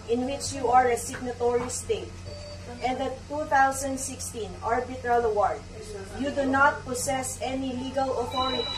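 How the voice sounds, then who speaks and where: A woman issues a firm, formal warning over a marine radio transmission. Her fairly high voice sounds far off and roomy, with a strong echo. She keeps an official, measured delivery. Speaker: coast guard radio operator. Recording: distant echoey marine radio.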